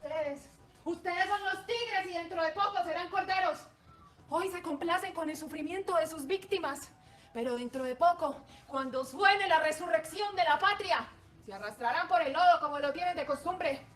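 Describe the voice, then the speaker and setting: A woman's voice: very high voice, normal speed, a bit bright, recorded from a distance. A woman playing a young patriot heroine who faces execution, speaking in a declamatory stage manner. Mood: defiant. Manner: declamatory, defiant.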